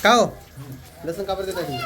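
A man's voice: sits high, quick pace, background noise. A man filming a casual family vlog, chatting and teasing his relatives while talking straight to his viewers. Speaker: family vlogger. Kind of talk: casual vlog chat to camera. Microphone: handheld camera.

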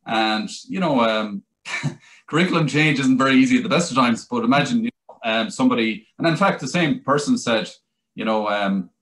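Animated and speaking at normal speed, a middle-aged Irish translator and author in a small, plain-walled room rambles through a conversational video-call interview with frequent restarts and "you know." His voice is mid-range and fairly bright, and the webcam recording is low quality.

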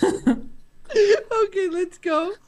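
A man's voice: very high-pitched, drawn-out words, darkish tone, a little hiss or hum. A man in his thirties, a podcast co-host, chatting casually on a headset while cracking up in hysterical laughter. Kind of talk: casual chat. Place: small home room, on a video call.

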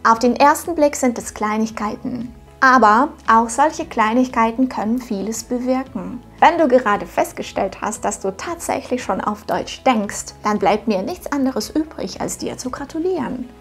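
Slightly high, expressive and a bit breathy, her voice runs at normal speed with faint music underneath. She's a thirty-something channel host teaching German, which isn't her first language, in a scripted home-studio video, cheerfully addressing the viewer and encouraging them.

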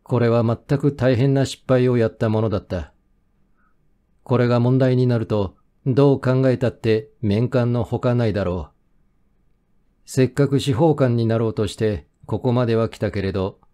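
A man reading a first-person mystery as an audiobook narrator, in steady, measured storytelling. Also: medium pitch.

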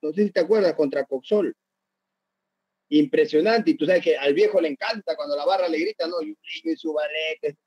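Tell it like a laughing ex-player, high-pitched and husky, over a dull dry call line. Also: male voice, fairly quick, no echo. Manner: animated, laughing, acts out others' lines. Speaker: former footballer guest. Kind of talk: casual storytelling.

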